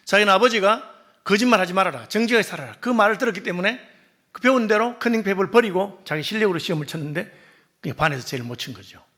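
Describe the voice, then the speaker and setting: Lively high-pitched preaching man. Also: fast. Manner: storytelling, acting out quoted dialogue; drops to soft, quiet tones for emphasis. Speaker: pastor. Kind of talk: sermon.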